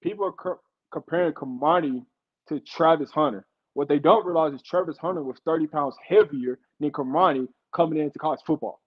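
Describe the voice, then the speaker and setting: Guest analyst man, fairly high voice, insistent and explanatory, dull lo-fi line. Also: fairly quick. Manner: explanatory, insistent, repeats himself to make a point. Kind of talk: casual sports talk show.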